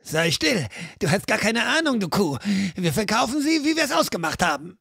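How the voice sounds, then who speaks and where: Guy doing a shrill hotheaded pirate, snapping insults. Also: very animated, moderate pace, vocal fry, pushed and bright, slightly rough, no echo, clean studio sound, full character voice. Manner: snapping, rude. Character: hot-headed male pirate crook, insulting.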